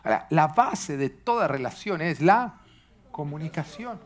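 A man's voice: fairly high pitch, unhurried. A man preaching a sermon to a congregation, asking them questions and joking along the way. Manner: lively, asks the congregation questions, jokes.

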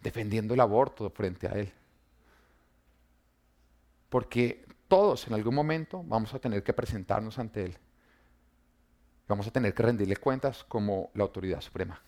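A man, preaching an emphatic sermon that swings between loud and quiet, full of rhetorical questions and humor for the congregation. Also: on the low side, normal speed, long pauses. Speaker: pastor.

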